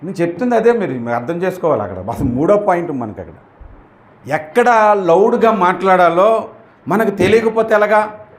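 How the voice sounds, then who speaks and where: A man's voice: sits high, animated, brisk. A male pastor preaching emphatically, acting out prayers and rebukes to show how they should sound. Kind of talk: sermon. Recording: echoey room.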